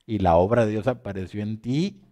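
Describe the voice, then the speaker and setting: A man preaching a sermon, reading scripture aloud and repeating phrases as he swings between quiet and loud passages. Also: fairly low pitch, moderate pace.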